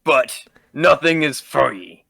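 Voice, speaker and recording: A man voicing a huge, gruff male shopkeeper who talks loudly and bluntly. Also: medium pitch, expressive, slow pace, dry recording, studio quality, full character voice. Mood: firm. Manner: loud, blunt, businesslike.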